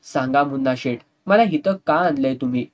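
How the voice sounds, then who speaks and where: A man's voice: medium pitch, normal speed, recorded from a distance, close to an everyday voice. A man voicing a frightened, desperate young woman who pleads and cries out. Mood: angry. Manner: pleading, crying out.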